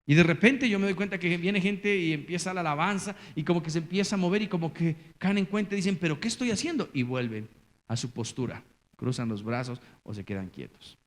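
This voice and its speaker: Fervent male pastor in a reverberant church. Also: a little fast. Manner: dramatic swings from loud calls to hushed low lines. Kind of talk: sermon.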